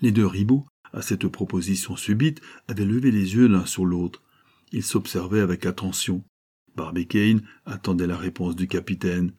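A man narrates a classic adventure novel at a measured, even pace. His voice sits low and mellow, with a husky grain that softens every line. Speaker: audiobook narrator.

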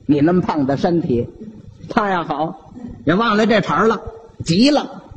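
Man, Beijing accent, comic storytelling, high-pitched, very animated. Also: moderate pace, highs cut off, slight background noise. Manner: animated, playful narration.

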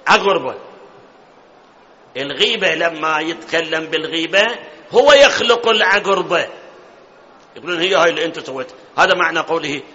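A preacher with a high, bright, forceful voice lectures a seated audience, pausing to quiz them and chanting verses. The recording sounds dull and lo-fi, with a long reverb trailing off the walls of a large hall. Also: male voice. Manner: questions the audience often, recites verses in a chanting tone. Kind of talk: religious lecture.

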